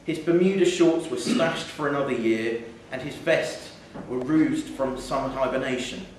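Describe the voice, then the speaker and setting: A man reads a literary short story aloud at normal speed and medium pitch at a live event in an indoor theatre. With the microphone far from him, the sound is very echoey, and faint noise is present.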